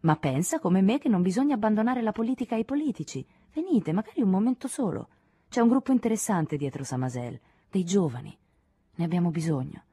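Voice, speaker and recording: A woman's voice: medium pitch, animated, fairly quick, warm tone, husky, no echo, pitched above the performer's own voice. Woman reading as a fervent middle-aged political thinker. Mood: eager. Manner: insistent, persuasive.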